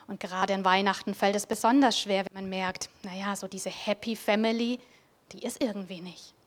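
A woman preaching a Christmas devotional in a quiet, reflective way. She speaks straight to the listener and often sinks into a soft, breathy near-whisper at the end of her thoughts. Her pitch sits in an ordinary middle range. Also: fairly even intonation, a little fast.

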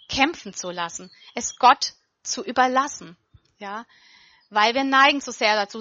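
Bright, forceful woman preaching. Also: on the high side, dry recording, dull audio. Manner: earnest, emphatic, with slow stressed quotes. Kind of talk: sermon.

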